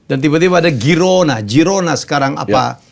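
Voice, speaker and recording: A man with an Indonesian accent hosts a casual football talk. His slightly high voice is gravelly and moves around a lot in pitch. He asks short questions and often murmurs agreement. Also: lively intonation, fairly quick. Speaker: host.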